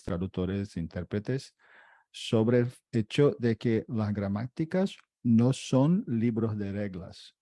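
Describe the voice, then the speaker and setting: A man from Brazil with a Brazilian Portuguese accent in his Spanish, talking casually on a panel in halting, hesitant phrases. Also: mid-range voice, warm tone, no room sound, clean studio sound. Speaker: interpreter and panel co-host.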